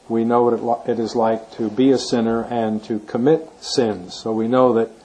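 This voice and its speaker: A man giving a measured theology lecture, reading scripture passages aloud and sometimes correcting himself mid-word. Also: medium pitch, warm tone, rough recording. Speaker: bible teacher.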